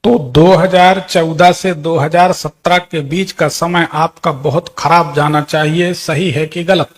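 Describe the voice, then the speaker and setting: High pitched guy doing astrology readings, asks questions, sounds sure of himself. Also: steady tone, a little slow. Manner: authoritative, questioning, predicts past events. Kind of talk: astrology consultation.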